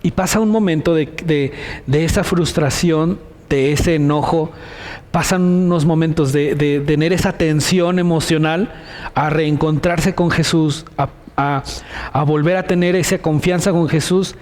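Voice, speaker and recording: High-voiced Mexican pastor preaching. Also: male voice, fairly even intonation, a little slow, a little mellow. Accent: Mexican Spanish. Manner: retells scripture dramatically, voicing the characters' laments. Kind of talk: sermon.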